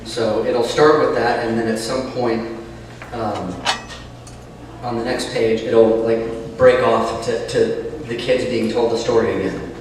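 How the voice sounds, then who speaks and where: A man's voice: mid-range voice, flat delivery, measured pace. Man reading his novel aloud, cave-like echo, heard from far off, faint room hum behind. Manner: chatty, rambling asides. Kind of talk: casual chat, then reading a novel aloud.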